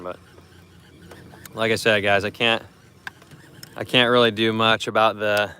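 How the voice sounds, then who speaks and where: A man's voice: lowish voice, pushed and bright, slight background noise. A young man chatting casually to his live stream viewers while fishing from a boat on a lake, rambling and repeating himself. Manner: rambling, repeats words, talks to chat.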